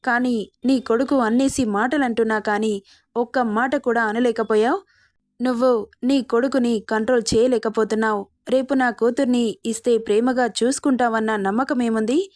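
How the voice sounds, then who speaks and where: A woman's voice: a little high, steady tone, moderate pace, darkish tone, dry recording, close to an everyday voice. A woman reading the lines of a proud middle-aged uncle who speaks sternly and indignantly in an audio story.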